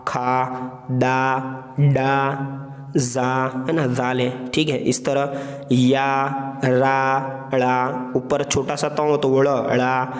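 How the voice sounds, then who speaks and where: Male reading teacher, patient letter-by-letter delivery, roomy recording with a long echo tail. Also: medium pitch. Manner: slow, spells out letters one by one with "है ना" and "ठीक है" checks. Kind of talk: online reading lesson. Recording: echoey room with long reverb.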